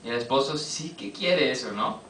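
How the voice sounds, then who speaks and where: A man preaching a sermon, firing quick questions at his congregation. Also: mid-range voice, expressive, a bit bright, a little hiss or hum. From Costa Rica. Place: church hall. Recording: echoey hall, voice from a distance.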